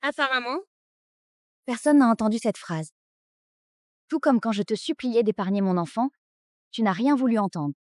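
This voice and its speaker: A woman's voice: fairly high pitch, moderate pace, pauses often, no room sound, studio quality, natural voice. A woman voicing a composed, cutting young heiress in a French melodrama dub. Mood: bitter. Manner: cold, cutting. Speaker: dubbing actress.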